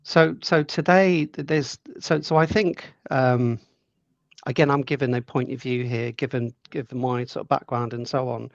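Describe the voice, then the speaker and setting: A middle-aged man talks through his views in a measured, thoughtful way, often doubling back on words as he thinks. His voice has a gravelly edge. The sound is dry and a little dull, with no room around it. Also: mid-range voice, steady tone, no room sound. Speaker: podcast guest. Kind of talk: conversational interview answers.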